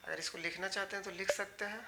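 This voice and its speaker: A man's voice: high voice, fairly even intonation, fast talker, creaky, very noisy. A man from India teaching English grammar in an online class, explaining patiently and talking straight to his students, often repeating key words.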